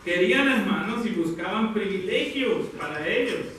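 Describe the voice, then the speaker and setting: A man preaching a sermon, talking warmly to the congregation as brothers and sisters, pausing and correcting himself as he goes. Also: high voice, expressive, a little hiss or hum. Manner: addresses listeners as brothers, halting with self-corrections. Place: church hall. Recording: very echoey hall, from far off.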